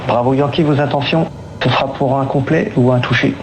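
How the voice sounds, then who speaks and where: A man's voice: steady tone, a little fast. A man working as an air traffic controller, giving procedural, clipped instructions in air traffic control radio style. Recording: noisy aviation radio, vehicle rumble.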